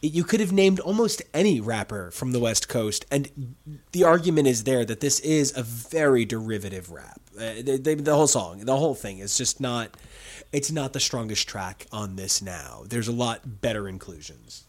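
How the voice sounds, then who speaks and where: A man co-hosting a casual podcast, talking in an animated, ranting way. His voice is middle-pitched and jumps up and down a lot, with jokey asides tossed in. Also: moderate pace. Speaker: podcast co-host. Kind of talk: casual chat.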